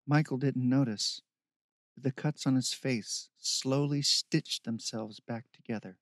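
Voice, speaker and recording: Man, audiobook narrator, steady measured reading, mid pitch, dry recording. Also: dry recording.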